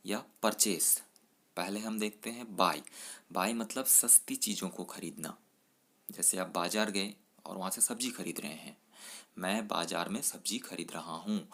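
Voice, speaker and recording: A man teaching English vocabulary to Hindi speakers, explaining each verb and then slowly reading out example sentences. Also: on the low side, bright, forceful tone.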